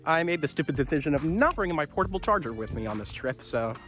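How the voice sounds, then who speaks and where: A man's voice: on the high side, big pitch swings, fast, fairly bright tone, soft background music. A young man talking to his camera on a woodland hike, chatty and rambling, out of breath as he climbs. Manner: chatty, self-narrating and a bit rambling. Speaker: vlogger. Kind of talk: hiking vlog to camera. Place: wooded trail outdoors, windy.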